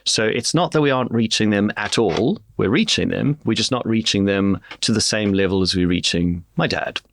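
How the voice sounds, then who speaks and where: Gravelly low-voiced man explaining. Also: slight background noise. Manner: measured, explains at length with frequent "um" pauses. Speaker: guest, media director. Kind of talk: podcast interview.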